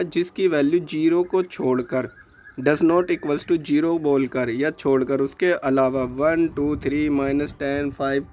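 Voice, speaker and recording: A young man walks students through a math exercise. His voice sits a little high for a man. He goes patiently, step by step, answers his own questions, and repeats the key points. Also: darkish tone. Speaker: math teacher. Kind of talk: classroom lesson explaining homework exercise.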